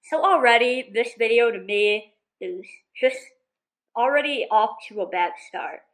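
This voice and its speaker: A woman's voice: on the high side, expressive, unhurried, fairly bright tone, rough recording. A woman in her twenties with a lisp, chatting casually as she reacts to a video and speaks frankly about it. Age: 20s. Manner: frank, mildly critical, chatty with fillers. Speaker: YouTuber.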